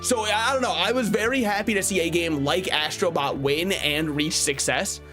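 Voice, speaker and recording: High-pitched man streaming casual game commentary. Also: moderate pace, over music. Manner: joking, opinionated, conversational, swears.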